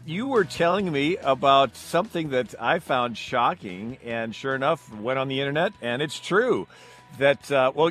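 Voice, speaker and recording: A man hosting a radio interview, speaking in a halting way with filler pauses. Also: mid-range voice, a bit bright. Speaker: radio show host.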